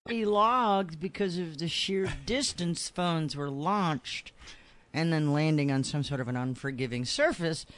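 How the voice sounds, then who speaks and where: A man's voice: a little high, animated, measured pace, fairly bright tone, slight background noise. A man hosting a casual radio talk show, joking and laughing as he describes apps. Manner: jokey, laughs while talking. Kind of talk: casual studio chat.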